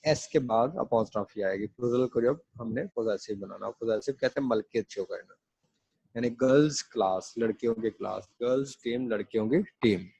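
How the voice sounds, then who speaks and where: Gravelly, husky male grammar teacher. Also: mid-range voice, a little mellow, dry recording, muffled recording. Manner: explains in Hindi, reads English examples slowly. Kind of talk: classroom grammar lesson.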